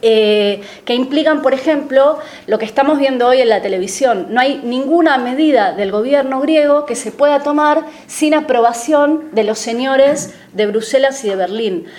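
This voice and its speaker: A woman addressing an audience in a political talk, her voice sitting a little high. She reasons step by step and in a measured way, often pausing on hesitant fillers as she builds her case. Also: a little mellow. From Argentina. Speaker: panel speaker on politics.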